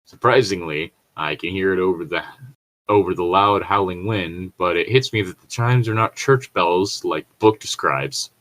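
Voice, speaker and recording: A man co-hosts a casual read-along, reading stories aloud and then drifting into rambling, joking commentary while chuckling at his own remarks. His voice is low-pitched and a bit bright at normal speed, and the recording quality is low.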